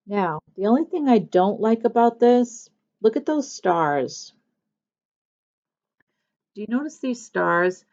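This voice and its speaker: A woman's voice: on the high side, lively intonation, takes it slowly, long pauses, a little mellow, muffled recording. A woman chatting casually as a cross-stitch vlogger, rambling a little and correcting herself as she goes. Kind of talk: casual show-and-tell chat.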